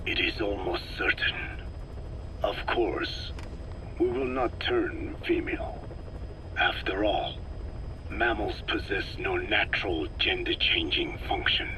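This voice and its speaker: This is dramatic game voice acting: a man with a lowish voice plays a frail elderly scientist describing his work in expository dialogue. He speaks in a weak, breathy rasp, slowly and precisely, patient and scientific, measured and grave, with noise behind him.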